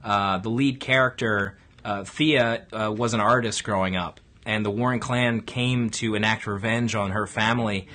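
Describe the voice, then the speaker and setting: A man's voice: on the low side, steady tone, moderate pace, few pauses, sharp tone. A man co-hosting a casual chat about new comics, enthusiastic and jokey, stretching words for emphasis. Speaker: co-host of comic book show.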